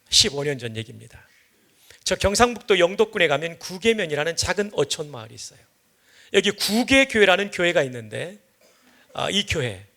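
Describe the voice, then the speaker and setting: A man preaching an evening sermon in a church, telling stories with lively humor. His voice sits high and sounds bright and bold. A gravelly rasp runs through his delivery. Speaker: guest pastor. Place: church sanctuary.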